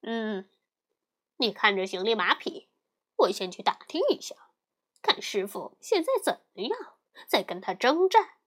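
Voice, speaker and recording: A woman's voice: medium pitch, very animated, unhurried, long pauses, fairly bright tone, voice pushed down. A woman voicing a cheeky, confident male monkey king in a children's storybook reading, talking curtly. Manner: curt, scolding, confident.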